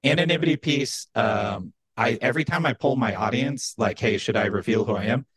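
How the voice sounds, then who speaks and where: A man's voice: medium pitch, brisk, creaky, fairly bright tone, slightly rough, no room sound. A man talking through a voice changer that disguises his voice, a podcast guest chatting casually with dry, wry humor. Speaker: podcast guest, entertainment data analyst.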